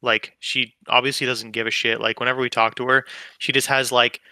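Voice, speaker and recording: A young man rambling through casual podcast chat, swearing freely and taking his time. His voice is very bright and sharp. It comes through smooth and crisp, recorded close and dry. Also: medium pitch, level tone, brisk, no echo. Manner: rambling, profane, laid-back. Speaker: podcast co-host.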